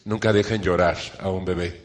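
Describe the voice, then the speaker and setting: A man's voice: deep voice, steady tone, normal speed, in a large hall. A middle-aged man, giving an earnest self-help talk to a live audience and checking in with rhetorical questions.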